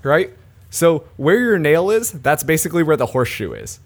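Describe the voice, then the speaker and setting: A man's voice: on the high side, normal speed. A man co-hosting a comedy podcast, with a slightly raised voice that swings up and down as he tells stories. He laughs often and keeps the chat loose and casual. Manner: animated storyteller, laughs often. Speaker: podcast co-host.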